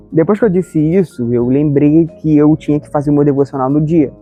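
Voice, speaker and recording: A man's voice: fairly high pitch, mellow. A man, giving an earnest, conversational devotional reflection and often asking "sabe?". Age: 20s. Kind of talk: reflective devotional talk to camera.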